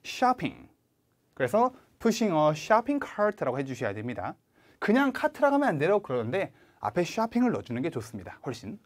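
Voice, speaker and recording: A man's voice: fairly high pitch, wildly swooping pitch, normal speed, a little mellow. A man giving an online lecture on an English speaking test, coaching viewers and having them repeat phrases after him. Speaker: English test-prep teacher.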